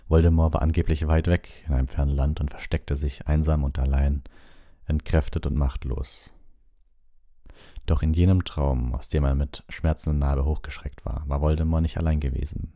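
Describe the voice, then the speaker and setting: A man reading a storybook aloud as an audiobook, in a calm, measured storytelling manner with small slips. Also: a bass voice. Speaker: audiobook reader.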